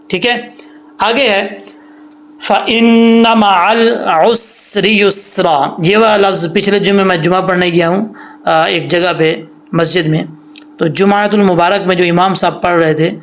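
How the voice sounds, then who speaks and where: A man teaching Quran recitation, spelling out letters and vowel marks and stretching each sound out slowly between plain explanations. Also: sits high, a bit bright, a little hiss or hum. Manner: slow, drawn-out letter-by-letter recitation alternating with quicker explanation. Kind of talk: tajweed lesson, explaining and demonstrating recitation.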